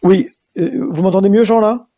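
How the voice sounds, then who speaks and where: A man on a video call asking a question in an online panel, his halting speech breaking up over a poor connection. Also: high voice, creaky, warm tone. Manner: halting, restarts his sentence. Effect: choppy video call audio breaking up. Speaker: audience member asking a question.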